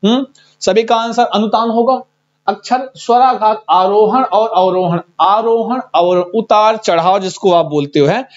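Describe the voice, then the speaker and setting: A man's voice: sits high, a little slow. A man teaching a live online exam-prep class, chatty and teasing, reading out students' answers. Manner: chatty, teasing, reads students' chat aloud. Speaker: Sanskrit teacher. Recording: dull lo-fi stream audio.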